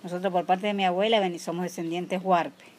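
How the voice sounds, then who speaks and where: A woman's voice: on the low side, steady tone, a little fast, darkish tone. A woman in her forties with a rural Mendoza Argentine accent, answering informal interview questions in a plain, somewhat hesitant way. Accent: rural Argentine Spanish from Mendoza. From rural Mendoza province, Argentina. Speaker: interviewee, artisan weaver. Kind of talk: informal oral history interview. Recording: clearly noisy background with clicks.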